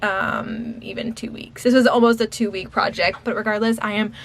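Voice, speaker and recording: A woman's voice: medium pitch, steady tone, normal speed. A young woman giving a chatty, upbeat closet tour for her vlog, talking to camera with light laughs. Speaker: home organization vlogger.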